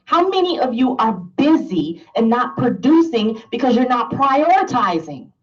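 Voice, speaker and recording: A woman's voice: a little high, big pitch swings, unhurried, distant mic, lo-fi sound. A woman giving an emphatic motivational talk to a live audience, laughing and asking the listeners questions. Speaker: motivational speaker.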